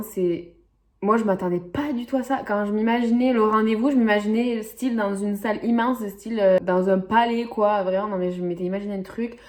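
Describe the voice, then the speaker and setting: A young woman from the French Basque Country telling a story to camera in a chatty, rambling way, full of fillers and asides. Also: mid-range voice. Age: young adult. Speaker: vlogger. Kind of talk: casual storytelling vlog.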